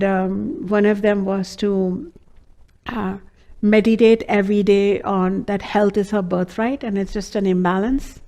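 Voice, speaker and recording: This Ayurveda teacher, a woman with an Indian accent and a mid-range, darkish voice, walks her class through a case study. Her lecture is earnest and full of fillers.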